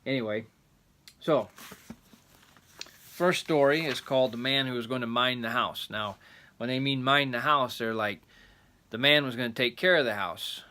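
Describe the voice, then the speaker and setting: Rambling grandpa storyteller with a bright voice. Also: male voice, medium pitch, moderate pace, pauses often, slight background noise. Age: older. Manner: rambling, folksy asides and plain explanations. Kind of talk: rambling grandpa story time, reading a folk tale aloud.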